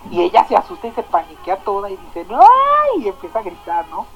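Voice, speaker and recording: A woman's voice: on the low side, quick pace. Mexican woman, radio host, chatty storyteller, dull broadcast sound with faint music underneath. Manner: chatty, slangy, animated storyteller. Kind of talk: casual storytelling chat.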